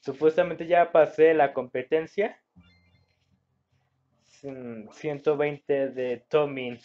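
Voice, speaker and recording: A man with a Mexican Spanish accent talks his way through a game at an unhurried pace, drifting into asides and hunting for the right word. His voice sits a little high for a man. The sound is dull and lo-fi, as if caught on a phone. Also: fairly even intonation, a little mellow. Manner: rambling, searches for words, reads game words aloud. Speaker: gameplay commentator. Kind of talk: casual gameplay commentary.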